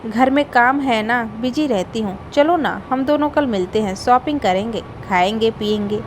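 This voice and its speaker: A cheerful young friend from a moral story, voiced by a woman narrator. She sounds breezy and friendly in a fairly high voice. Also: normal speed, noisy background, close to an everyday voice.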